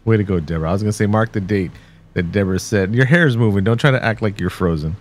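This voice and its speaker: A man's voice: on the low side, fast talker. A man from Texas, co-hosting a podcast in rambling, jokey casual chat, often restarting mid-sentence. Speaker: podcast co-host.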